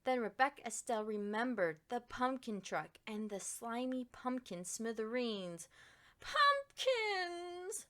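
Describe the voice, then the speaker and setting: In a fairly high voice, a woman acts as an expressive storyteller for a children's picture book. Her reading aloud features deliberate emphasis with a dramatic edge.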